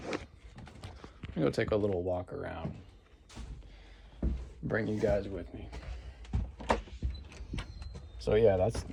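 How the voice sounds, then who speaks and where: A man's voice: lowish voice, gravelly. A man talking casually to viewers in a rambling, laid-back, informal vlog style. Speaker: vlogger. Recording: some background noise.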